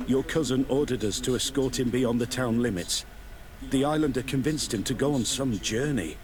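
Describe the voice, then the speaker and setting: An actor voices an anxious, evasive guard in video game dialogue, stammering deferentially as he reports to his superiors in a nervous, explanatory mood. His voice is medium-pitched at a normal speed and lightly acted, with a crowd audible behind him.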